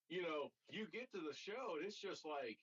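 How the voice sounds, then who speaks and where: A man's voice: a little high, animated, unhurried, breathy edge. A young man in a band, guesting on a podcast, telling rambling stories with casual swearing and lots of fillers. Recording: dull lo-fi audio.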